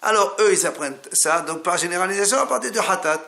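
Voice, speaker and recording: A man's voice: high-pitched, animated, fast talker, gravelly, sharp tone. A man teaching a Talmud class in French, explaining each step and repeating key words as he addresses the listener directly. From France.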